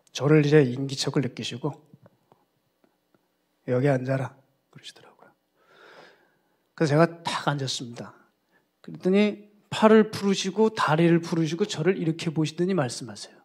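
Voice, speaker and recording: Animated storytelling male pastor. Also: fairly high pitch, moderate pace, pauses often, breathy edge. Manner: animated storytelling, acting out quoted voices. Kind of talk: sermon.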